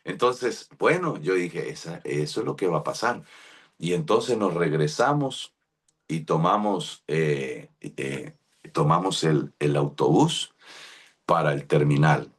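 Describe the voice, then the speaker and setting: Deep husky Colombian pastor preaching. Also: male voice, animated, takes it slowly. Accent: Colombian Spanish. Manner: storytelling, acts out quoted voices, addresses listeners by name. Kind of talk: sermon with personal story.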